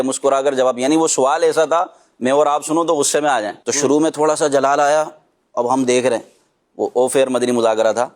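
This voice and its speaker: Gentle-voiced man giving religious advice. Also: mid-range voice. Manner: gentle, advising, tells anecdotes. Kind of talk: religious discussion.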